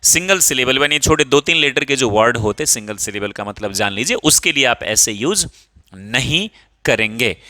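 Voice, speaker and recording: उज्ज्वल, तीखी आवाज़ वाला पुरुष शिक्षक, धीरे-धीरे अंग्रेज़ी वाक्य पढ़ता हुआ. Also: male voice, mid-range voice, lively intonation, pushed and bright. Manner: explains slowly, reads example sentences aloud in drawn-out English; checks understanding often, calls students 'babu'. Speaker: English teacher. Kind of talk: classroom grammar lesson.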